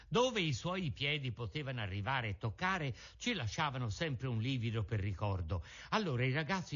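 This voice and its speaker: A man with a fairly high voice narrates a classic children's book with lively, theatrical relish. The recording is dull and lo-fi. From Italy. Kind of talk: storybook reading.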